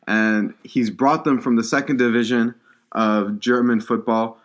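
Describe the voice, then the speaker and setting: Young male co-host, casual sports chatter, middle pitch, restarts his sentences a lot. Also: fairly even intonation, measured pace. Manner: repeats words often, hesitant restarts. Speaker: podcast co-host.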